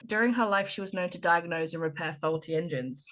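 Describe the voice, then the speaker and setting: A woman from Ireland co-hosting a relaxed podcast conversation. Her voice sits a little low. She tells stories in an animated way and acts out the people she quotes. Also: fairly quick. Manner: animated storyteller, retells scenes with lively quoted voices. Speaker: podcast co-host. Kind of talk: casual chat.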